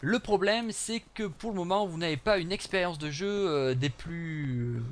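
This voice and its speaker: A man's voice: on the high side, a little slow. A young man chatting through his gameplay for viewers, with joking asides. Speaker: gaming channel host. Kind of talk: live gameplay commentary.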